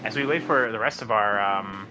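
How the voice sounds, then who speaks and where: Over background noise, a young man with a sick-sounding, lowish voice talks at normal speed through an online sim race. His live commentary is casual and filler-heavy, building to excitement at the finish.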